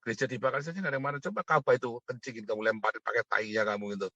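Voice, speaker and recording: Middle-aged man, a scornful rant host with a crisp, forceful tone. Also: medium pitch, racing, no echo, dull audio. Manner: mocking, provocative, keeps asking "ya kan?". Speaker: online commentator. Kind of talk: ranting monologue.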